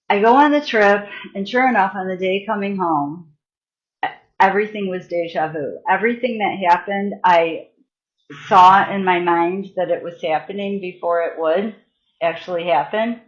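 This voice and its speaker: Her mid-range voice comes through with the highs cut off as this spiritual healer and massage therapist chats on a live stream. She's halting, full of fillers and restarts, and guides listeners through a meditation.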